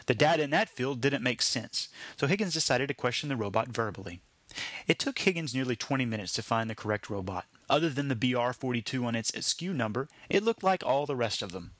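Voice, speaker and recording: A man narrating his own short story in a wry, deadpan storytelling manner. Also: mid-range voice, fast, no echo.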